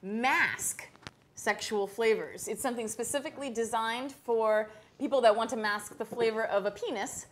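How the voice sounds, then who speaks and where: A woman hosting a playful sex-education show, teasing her guest and slowing down for sensual step-by-step directions. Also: on the high side. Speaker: host. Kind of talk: playful chat and sensual guided instructions.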